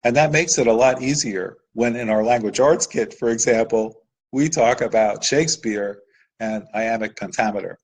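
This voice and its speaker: A man's voice: medium pitch, normal speed, slightly rough, poor audio. A man presenting a live webinar lesson over slides, explaining patiently with occasional "uh"s.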